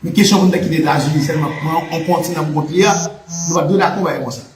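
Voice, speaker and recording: A Haitian host with a Haitian Creole accent talks very fast in a slightly high voice, with music behind him in an echoey room on a rough recording. His live political and history discussion has a fervent, repetitive, preaching rhythm.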